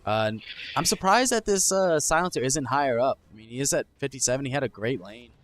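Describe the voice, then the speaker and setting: A man's voice: medium pitch, lively intonation, fast. A man giving casual play-by-play esports commentary, thinking aloud, hedging and correcting himself as he goes. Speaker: esports caster.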